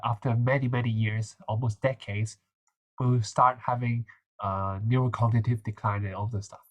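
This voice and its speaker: A young man with a nasal voice, casually running a revision session and talking through quiz answers with plenty of fillers and restarts. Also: medium pitch. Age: young adult. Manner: chatty, hesitant, many fillers. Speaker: medical student tutor.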